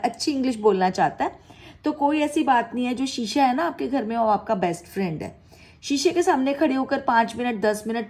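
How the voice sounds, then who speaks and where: A woman's voice: on the high side, darkish tone. A woman teaching spoken English, encouraging her learners and repeating example sentences with a questioning tone.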